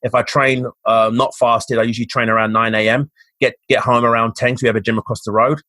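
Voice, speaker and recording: Speaking fast in a sharp, mid-range voice with little pitch movement, this man is a fitness coach guesting on a podcast. He comes from London's East End and has a Cockney accent. The casual interview talk is upbeat and motivational, with frequent restarted sentences, and the recording has no room sound.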